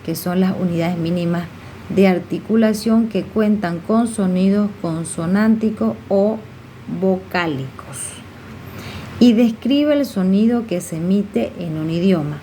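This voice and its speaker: A woman explaining a lesson to students, pausing often with fillers and checking questions. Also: mid-range voice, dark tone, slight background noise. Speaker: teacher.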